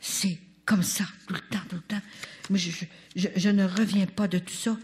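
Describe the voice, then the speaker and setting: An older woman with a Canadian French accent, telling a testimony at a religious retreat in an animated way and turning often to her listeners. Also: mid-range voice, normal speed. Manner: animated, talks straight to the audience. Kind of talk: testimony storytelling.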